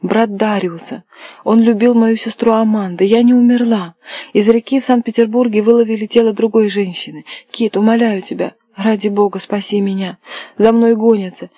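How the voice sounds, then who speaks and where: A reader voicing a desperate young English lady, pitched up. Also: steady tone, normal speed, mellow, no room sound, studio quality, natural voice. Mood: frantic. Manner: pleading, rising to cries. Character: desperate young English noblewoman fleeing captors. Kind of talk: audiobook character voice.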